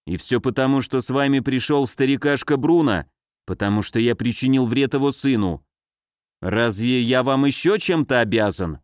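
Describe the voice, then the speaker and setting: A man voicing an angry, gruff male rebel leader who shouts threats. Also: mid-range voice, moderate pace, dry recording, clean studio sound, lightly acted. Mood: furious.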